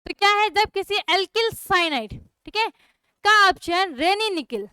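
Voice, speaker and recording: A woman's voice: very high voice, lively intonation, moderate pace, bright, forceful tone, no echo, clean studio sound. A young woman teaching a chemistry class online, often checking that students have understood. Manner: repeats checks like "clear?" and "okay" to students.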